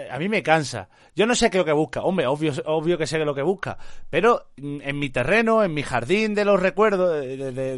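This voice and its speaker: Brief: man, chatty host, lively mimicry, slightly high voice, dry mic. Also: no room sound. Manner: animated, laughs often, mimics others. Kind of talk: casual chat.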